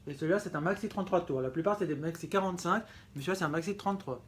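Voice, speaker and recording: A man's voice: high-pitched, racing, slight background noise. A man presenting his vinyl collection in a casual vlog, enthusiastic and often correcting himself mid-sentence. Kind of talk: casual show-and-tell vlog.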